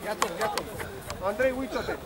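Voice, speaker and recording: High-pitched man shouting from the sideline. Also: fairly even intonation. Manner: barks short commands and player names. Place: outdoor football pitch. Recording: outdoor match with crowd and noise. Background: crowd noise from a football match.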